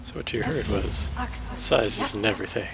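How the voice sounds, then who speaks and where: A man's voice: fairly low pitch, normal speed, creaky, poor audio. A man giving casual commentary while playing a video game, with dry, wry asides. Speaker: let's play host. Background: game music and sounds.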